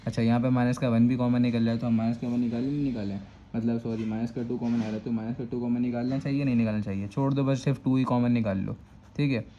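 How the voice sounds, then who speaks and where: Karachi urdu guy walking thru math steps, very dark mellow voice, keeps saying thik hai, bit of hiss behind. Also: medium pitch, little pitch movement, quick pace, highs cut off. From Pakistan. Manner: patient, repeats "thik hai" to check understanding. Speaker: math teacher. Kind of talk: step-by-step math lesson.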